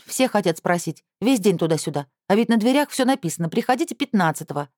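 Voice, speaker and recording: A woman's voice: medium pitch, animated, fast, a little mellow, dry recording, clean studio sound, pitched above the performer's own voice, natural voice. A woman voicing a snappish young secretary. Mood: irritated. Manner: irritated, curt. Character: harried young female admissions secretary, snappish.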